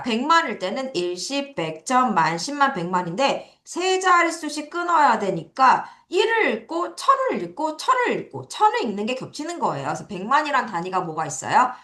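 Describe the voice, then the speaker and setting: A woman with a fairly high, sharp voice teaches English number words to children in an echoey academy classroom. In this recorded lesson she goes step by step, asking the students quiz questions and answering them.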